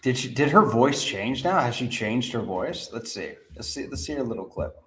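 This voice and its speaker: A man's voice: mid-range voice, expressive, moderate pace, a bit bright. A man co-hosting a podcast, chatting casually, joking and swearing as he riffs. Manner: joking, profane, riffing. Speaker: podcast co-host. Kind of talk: casual chat.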